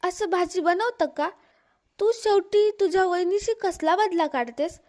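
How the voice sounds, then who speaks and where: A scolding young sister-in-law from a storybook, read out by a woman. She accuses and taunts, her voice pitched very high. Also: a little slow, a little mellow.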